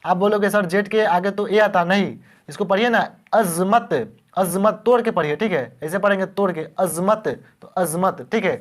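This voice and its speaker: A man's voice: sits high, normal speed. A man teaching beginners how to spell words, patiently repeating each word and asking the class questions.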